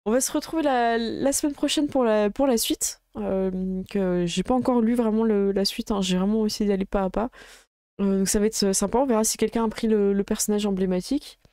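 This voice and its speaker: A woman game master chatting casually as she wraps up a live stream, halting often with fillers. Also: mid-range voice, mellow, no room sound, studio quality.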